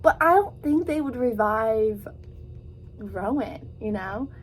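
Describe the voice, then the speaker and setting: A young woman in her early twenties, reading a book aloud and reacting with excitable, gushing chatter full of fillers and gasps. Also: a little high, slow, background noise. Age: young adult. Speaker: book vlogger.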